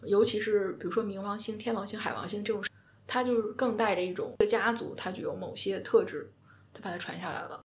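A woman, a podcast co-host and astrology counselor, talking calmly and explaining steadily. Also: mid-range voice, fast talker, a little hiss or hum. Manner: calm, explanatory, steady storytelling. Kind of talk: casual podcast chat.

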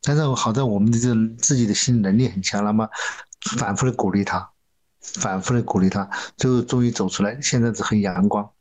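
A man's voice: on the low side, brisk, a little mellow. A man volunteer guest in a podcast interview, explaining cases and repeating key phrases for emphasis.

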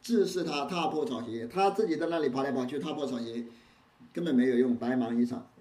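A man giving a line-by-line lecture on a classical Zen text. He recites each old line slowly, then explains it in plain words. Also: medium pitch, a little mellow, a little hiss or hum. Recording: roomy echo.

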